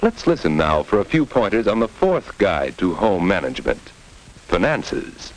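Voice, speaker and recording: A man narrates in the style of a 1950s educational film, speaking straight to the viewer. His voice sits fairly low and moves with animated intonation. The delivery is scripted and instructive, on an old film soundtrack. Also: normal speed, rough recording. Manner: instructive, addresses the viewer directly. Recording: vintage mid-century film soundtrack.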